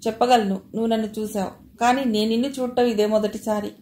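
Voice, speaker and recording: A woman's voice: a little high, slight background noise, close to an everyday voice. A woman reading as a confident young woman. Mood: amused. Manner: brisk, steady, takes charge. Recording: roomy with faint ambience.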